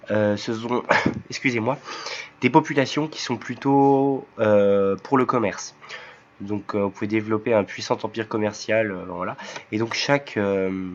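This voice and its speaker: A man with a cold hosting his first game let's play video, talking hesitantly with many filler pauses as he explains the game. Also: on the low side, lo-fi sound, slight background noise. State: sick, voice cracking. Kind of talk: game commentary. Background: faint game music.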